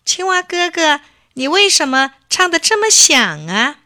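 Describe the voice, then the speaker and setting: In a children's storybook reading, a small boy rabbit chirps out his questions in a high, lively voice, full of eager curiosity, as a woman puts him on. His voice leaps up and down as he talks and stays bright. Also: unhurried, exaggerated voice. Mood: curious.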